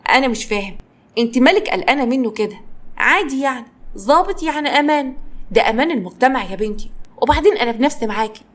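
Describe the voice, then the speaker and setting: A woman's voice: sits high, animated, rapid-fire. A woman playing a cocky, boastful young man. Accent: Egyptian. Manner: cocky, teasing.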